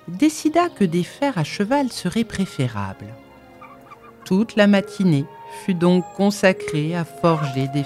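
A woman narrating an audiobook in an expressive, measured storytelling manner. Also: lowish voice.

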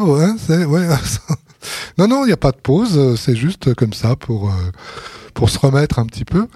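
A man hosts a casual radio programme, stumbling through his introductions with fillers and soft chuckles. His voice is mellow and husky, pitched a little high. It sounds close and dry. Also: dry recording. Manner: hesitant, full of fillers and restarts, chuckling. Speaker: radio host presenting records.

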